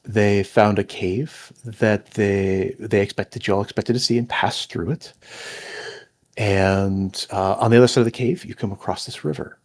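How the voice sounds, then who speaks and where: Male GM, gravelly and husky, animated delivery, halting narration. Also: lowish voice. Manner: lively, halting narration with many fillers. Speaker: game master. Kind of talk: narrating a tabletop game.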